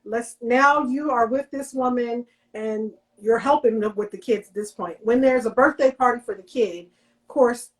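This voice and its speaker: A woman's voice: a little high, moderate pace, poor audio. A woman co-hosting a casual podcast who reads listener comments aloud and teases her co-host.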